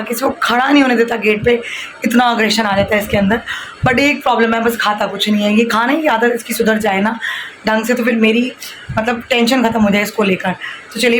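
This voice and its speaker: Chatty, slightly hoarse woman vlogging at home. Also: on the high side, noisy background. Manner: chatty, mixing Hindi with English phrases. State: hoarse from shouting. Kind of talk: casual chatty home vlog. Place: home kitchen. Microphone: handheld phone.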